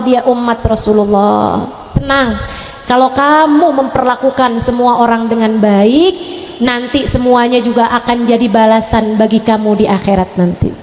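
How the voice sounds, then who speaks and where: A woman preacher giving a sermon to women, speaking frankly and teasingly as she addresses the mothers directly. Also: fairly high pitch. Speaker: Islamic preacher. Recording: echoey hall with long reverb, faint noise.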